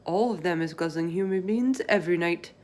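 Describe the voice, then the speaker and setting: Storybook friendly giant, played by a woman: earnest, excitable, emphatic, tumbling through garbled folksy speech. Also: fairly low pitch, brisk, lightly acted. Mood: excited, indignant. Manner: emphatic, garbled folksy grammar with made-up words.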